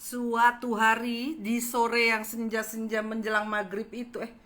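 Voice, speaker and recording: A woman telling a gossipy story to her viewers, animated and dramatic, acting out the quotes. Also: on the high side, unhurried, background noise. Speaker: channel host telling a story.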